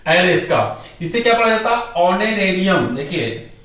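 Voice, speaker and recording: Echoey high-voiced male grammar teacher. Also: sing-song, fairly bright tone. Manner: keeps asking rhetorical questions and answering them himself; repeats key words slowly for emphasis. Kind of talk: classroom-style lecture. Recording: very echoey room, voice far from mic.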